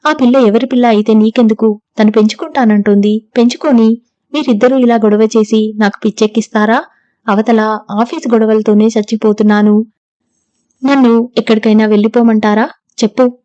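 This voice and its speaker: A woman's voice: fairly high pitch, fairly even intonation, normal speed, dark tone, dry recording, dull audio, close to an everyday voice. A woman narrator voicing a furious young husband who scolds his wife and demands she stay, in an audiobook. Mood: exasperated. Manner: angry, scolding, commanding. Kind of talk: audiobook character reading.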